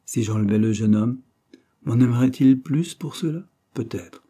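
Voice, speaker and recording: A man voicing a cunning, gallant masked bandit chief in an audiobook, speaking with emphatic, lively outbursts. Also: mid-range voice, normal speed, close to an everyday voice. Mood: plotting. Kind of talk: audiobook character voice.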